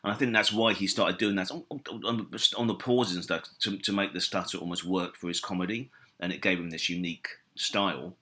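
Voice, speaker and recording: A man's voice: deep voice, fairly even intonation, fairly quick, hardly any pauses, bright, forceful tone. A British man, a comedy historian and author, answering interview questions in a casual, enthusiastic, rambling way with many fillers and restarts. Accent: British English. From Britain.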